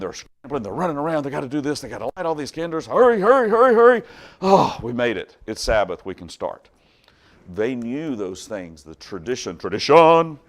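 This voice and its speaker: Brief: middle-aged man, casual Bible class teacher, folksy and joking, loud bursts that drop to quiet asides. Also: sits low. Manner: wide swings in loudness, from loud bursts to quiet stretches.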